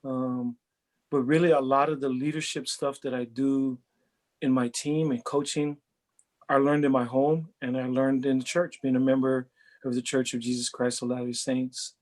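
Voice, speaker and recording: A man's voice: mid-range voice, level tone, normal speed, darkish tone. A middle-aged man from Hawaii, a head football coach, answering interview questions in an earnest, reflective way, often repeating words as he thinks. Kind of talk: interview answers, casual chat.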